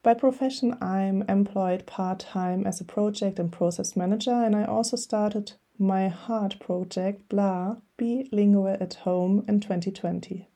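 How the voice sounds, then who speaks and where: Reading an earnest and encouraging script, a middle-aged podcast host from Germany speaks with a German accent. Her medium-pitched voice is warm, her intonation fairly even, and she keeps a measured pace with hardly any pauses.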